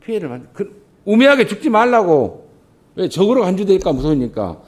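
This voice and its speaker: A middle-aged man preaches from the pulpit of a church, his voice rising and falling in wide, lively swings. He throws rhetorical questions out to the congregation and drives his points home with emphatic bursts. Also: normal speed. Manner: emphatic preaching with big swings in pitch and volume. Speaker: pastor. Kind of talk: sermon. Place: church sanctuary.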